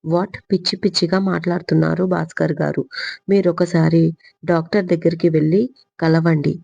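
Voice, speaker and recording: A woman's voice: on the low side, little pitch movement, normal speed, creaky, warm tone, breathy edge, no echo. A woman voicing a cheeky, teasing young man from the office, in a storybook reading with a slightly dull recording. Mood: annoyed. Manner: breezy, teasing.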